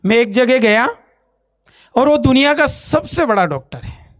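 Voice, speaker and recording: Man giving an animated testimony. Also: very high voice, unhurried, no echo. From Ajmer, India. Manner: animated storyteller acting out dialogue. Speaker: church testimony speaker. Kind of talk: spoken testimony on stage. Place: church stage.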